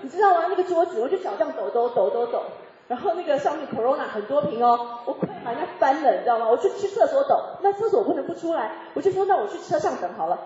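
Woman, church testimony, quick, lively, laughs often; warm mellow tone, echoey hall, dull recording. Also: a little high, slight background noise. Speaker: church member giving testimony. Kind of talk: personal faith testimony.

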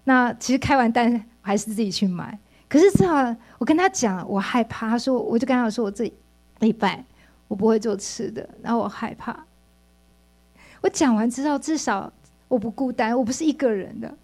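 A woman's voice: on the high side, moderate pace, a little mellow. A middle-aged woman giving an earnest, emotional church testimony, often restarting her sentences. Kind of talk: personal faith testimony.

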